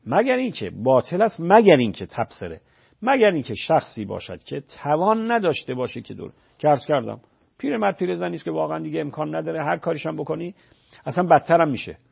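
This is a religious scholar fielding questions on call-in radio, calmly clarifying rulings with familiar, everyday cases. His voice leans high and is very animated, creaky and slightly breathy. The broadcast quality is dull and lo-fi.

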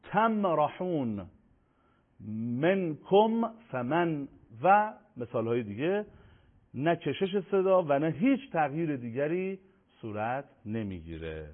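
Man teaching tajweed over tinny audio. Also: medium pitch. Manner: measured, slows down to spell out examples. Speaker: Quran recitation teacher. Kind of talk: tajweed lesson, explaining and reciting examples.

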